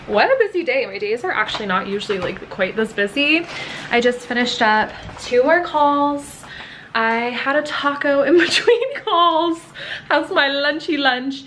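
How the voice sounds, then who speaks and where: A woman's voice: high-pitched, expressive, fairly bright tone, a little hiss or hum. Bubbly young woman vlogging at home. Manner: bubbly, chatty, quick laughs. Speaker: lifestyle vlogger. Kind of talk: casual vlog chat to camera. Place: bright apartment room at home. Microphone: camera mic at arm's length or on desk.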